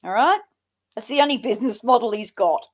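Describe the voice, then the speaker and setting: A woman's voice: a little high, animated, a little fast. A woman giving sarcastic reaction commentary, with a mocking, scolding way of talking. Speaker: host of a reaction show.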